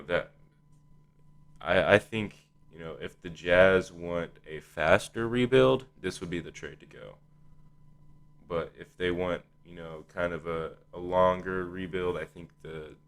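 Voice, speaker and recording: A man hosting a casual sports discussion, thinking aloud in a hesitant, conversational way. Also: deep voice. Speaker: podcast host.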